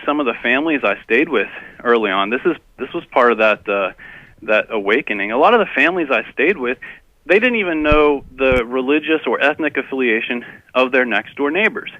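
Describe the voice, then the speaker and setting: A man's voice: mid-range voice, sharp tone, no echo. A man from Texas, a guest on a radio interview, who talks in a hesitant way, full of ums and uhs. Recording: dull lo-fi radio audio.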